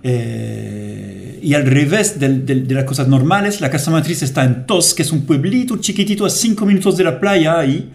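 A man from France, a French native speaking in a relaxed, chatty way with frequent hesitations, interviewed as a guest in a radio studio. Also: a little high, normal speed, creaky, hardly any pauses. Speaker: guest, company director.

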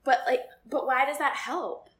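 A woman's voice: high-pitched, fairly even intonation, normal speed, a bit bright. A young woman co-hosting a casual podcast, chatty and giggly, with many "like" fillers. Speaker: podcast co-host.

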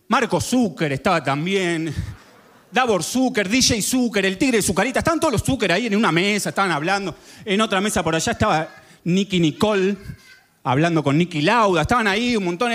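A man's voice: high-pitched, fairly bright tone. A man with an Argentine accent telling a boastful comedic story that turns into a gospel message. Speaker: comedic preacher.

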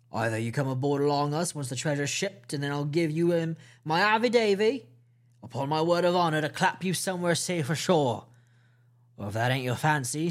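In an audiobook character voice, a male narrator plays a cunning old one-legged pirate who blusters in rough seafaring dialect. He pitches it higher and louder than his plain reading voice, swinging between bargaining and threats during the storybook reading.

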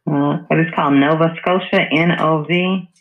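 Creaky man on a phone line. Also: a little high, steady tone, moderate pace. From Texas, United States. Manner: hesitant, helpful. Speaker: roadside assistance call agent. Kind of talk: phone customer service talk. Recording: muffled narrow phone line.

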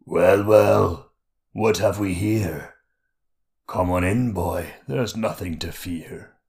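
A man voicing a large, fat monster king who speaks in a slow, mocking, menacing way. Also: low-pitched, creaky, a little mellow, exaggerated voice. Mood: sly mocking.

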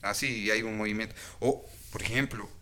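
A man's voice: on the low side, brisk. A man with a Salvadoran accent in a casual podcast chat, acting out example phrases as he talks. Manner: animated, acts out example phrases in lively voices. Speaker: podcast co-host or guest.

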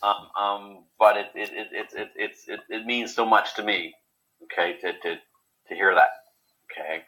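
A man in a casual interview, talking haltingly with many repeated words and fillers. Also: fairly low pitch, fairly even intonation, pushed and bright, low-quality recording. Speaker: guest.

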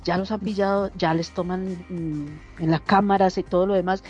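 A woman's voice: fairly low pitch, moderate pace, dull audio, soft background music. A woman telling everyday stories in a casual group discussion, acting out other people's dialogue as she goes. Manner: lively storyteller who acts out quoted dialogue. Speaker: discussion participant.

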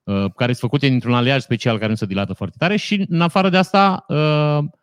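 A man's voice: medium pitch, smooth, dry recording. A man, co-hosting a casual chat and giving long technical explanations with dry jokes. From Romania.

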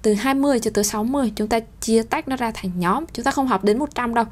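Patient woman teaching French numbers. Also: a little high. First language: Vietnamese. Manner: patient, repeats numbers slowly and clearly. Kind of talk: language lesson.

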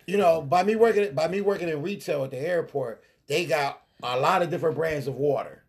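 Man, podcast co-host, relaxed agreeable chat, high voice. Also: brisk. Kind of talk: casual chat.

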